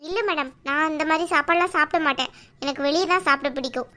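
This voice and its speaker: A woman's voice: high-pitched, quick pace, pushed and bright. A woman voicing a polite, proud makeup artist in a cartoon. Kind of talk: cartoon voice acting.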